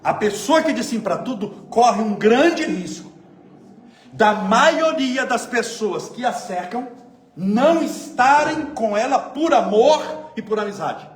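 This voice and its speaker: A man from São giving a spiritist lecture, telling everyday stories and asking his audience rhetorical questions in a conversational, lively way. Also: very high voice, slow. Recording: echoey room, faint ambient noise.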